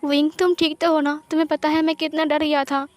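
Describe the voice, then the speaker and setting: A woman's voice: high-pitched, flat delivery, fairly quick, dry recording, natural voice. A woman voicing a protective, emotional young man in a fan-fiction reading, talking earnestly and pleading. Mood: anguished. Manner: earnest, pleading, tearful at times.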